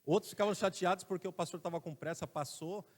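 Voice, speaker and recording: A man's voice: high voice, fast talker. A man with a Brazilian Portuguese accent preaching a sermon in a church. He preaches with emphasis and has the congregation repeat phrases after him. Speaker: pastor. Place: church sanctuary. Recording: long church reverb.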